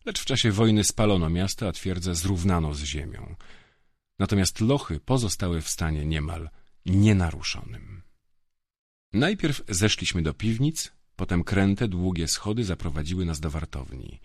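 Deep-voiced man, ironic audiobook narration. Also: animated, no room sound, clean studio sound. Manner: measured, dryly ironic. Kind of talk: first-person fantasy audiobook narration.

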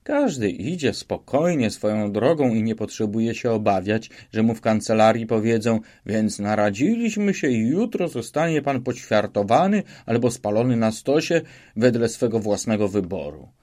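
A man's voice: fairly low pitch, animated, moderate pace, few pauses, warm tone, close to an everyday voice. A man voicing a naive, cheerful soldier who talks earnestly and rambles politely in an audiobook. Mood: cheerful rambling. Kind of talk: audiobook reading.

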